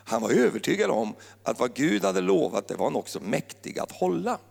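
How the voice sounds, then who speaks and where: A male pastor with a high, gravelly voice that swings widely in pitch, preaching in a playful, joking way. His words ring out with a long reverb, as if in a large hall. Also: very animated, darkish tone. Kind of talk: sermon.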